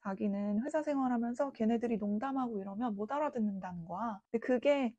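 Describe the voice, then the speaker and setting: A woman's voice: fairly high pitch, quick pace, dark tone, no room sound, muffled recording. A woman in her late thirties from South Korea, talking to her viewers in a chatty, reflective, informal way. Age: late 30s. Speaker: vlogger. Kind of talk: casual talking-to-camera vlog.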